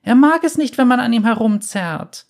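A man's voice: lively intonation, normal speed, heavily acted. A man doing a sweet yet menacing little girl. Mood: angry. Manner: bright childlike voice, turning shrill when angry.

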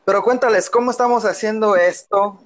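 A high-pitched, fairly quick voice comes through with a little hiss or hum. It belongs to a man from Yucatán, Mexico, with a Yucatecan accent, who co-hosts a casual podcast in a playful, rambling style, recording by phone in his room.

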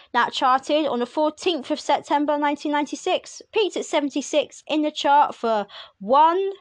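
A woman's voice: sits high, fairly bright tone, no room sound, studio quality. A woman hosting a music podcast, reading release lists in a chatty way with wry asides to the listener. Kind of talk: casual solo commentary.

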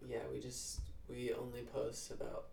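A young woman co-hosting a podcast in casual chat, relaxed and dry, with lots of "like.". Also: very deep voice, normal speed, creaky. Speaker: podcast co-host. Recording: echoey room.

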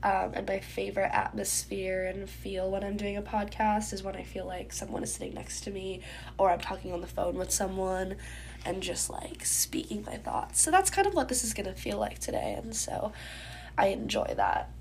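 Chatty and full of ums, this young woman podcast host gets ready as she talks on her solo show. A recent illness has left her stuffy, congested, and sore-throated; her medium-pitched voice is animated, at normal speed, with vocal fry and a little hiss or hum.

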